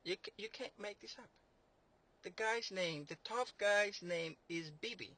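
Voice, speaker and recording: A man's voice: high-pitched, a little slow, pushed and bright. A man delivering a sarcastic political monologue, rambling and mocking, with many fillers and restarts. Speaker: commentator.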